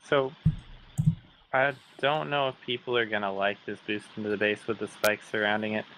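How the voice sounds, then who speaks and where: Male gamer, laid-back, lowish voice, noisy line. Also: steady tone, normal speed. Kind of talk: casual voice chat. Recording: noisy laggy voice-chat line.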